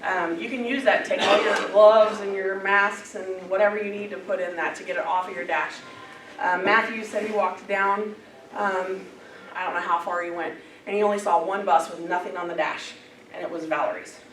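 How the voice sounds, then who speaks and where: A woman trainer with a medium-pitched, fairly bright voice talks to bus drivers at a staff safety meeting, chatty, plain-spoken and often laughing, at a moderate, fairly even pace. The meeting room sounds echoey and the mic is distant, so the driver audience is audible, along with slight background noise.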